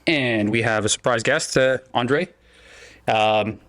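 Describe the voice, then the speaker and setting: A man hosting a casual podcast, upbeat and a little halting with fillers as he asks questions. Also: medium pitch, fairly bright tone, no echo. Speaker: podcast host.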